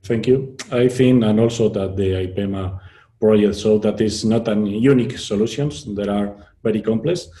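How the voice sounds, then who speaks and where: A man's voice: fairly low pitch, normal speed, warm tone. A man giving panel remarks in a webinar, restarting phrases often, with non-native phrasing.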